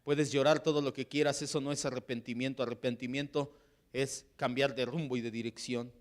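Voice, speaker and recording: A man's voice: medium pitch, flat delivery, brisk. A man with a Mexican Spanish accent preaching a sermon as pastor, with impassioned delivery that acts out the voices he quotes.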